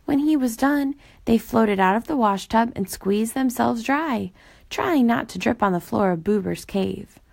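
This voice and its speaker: A woman reading a children's storybook aloud in a gentle, even storytelling manner. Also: fairly high pitch, a little slow, gravelly, dry recording, studio quality. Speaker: storybook reader.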